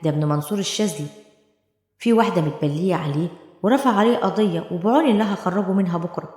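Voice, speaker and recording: Woman reading as a greedy lawyer, egyptian arabic accent, low-pitched, quick, defensive, echoey hall. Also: darkish tone, natural voice. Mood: dismissive. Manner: defensive, impatient. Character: male lawyer, greedy, self-justifying. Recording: echoey room with long reverb.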